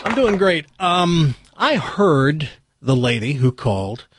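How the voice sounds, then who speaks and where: A man hosting a radio show, rambling casually and bluntly in a husky voice. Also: on the high side, very animated, slow pace, heavy background noise. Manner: blunt, direct. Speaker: radio morning show host.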